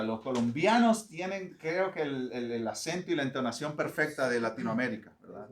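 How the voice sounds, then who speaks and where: A middle-aged Honduran pastor with a mid-range voice gives a lively, joking teaching talk to church readers, acting out pronunciations.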